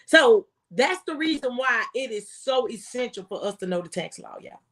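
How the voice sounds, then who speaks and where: With a fairly high, bright and expressive voice at normal speed, this American former tax agent talks through tax advice conversationally and passionately. Her folksy delivery leans on repeated phrases for emphasis.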